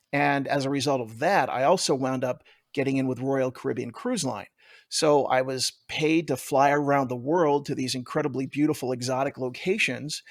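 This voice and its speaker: A man with a gravelly voice, a stage performer telling a personal story in a conversational way. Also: mid-range voice, no room sound, clean studio sound.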